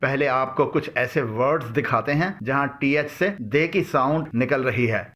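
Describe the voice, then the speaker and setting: A man narrating a scripted pronunciation lesson in a measured, even delivery. He reads out example words one at a time, pausing after each, with a voice of ordinary middle pitch. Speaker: pronunciation teacher.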